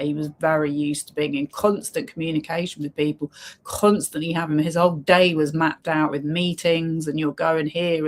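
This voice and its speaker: A woman streamer with a deep voice gives casual reaction commentary, chatty and full of ums. She retells events using quoted lines, with slight background noise in the recording.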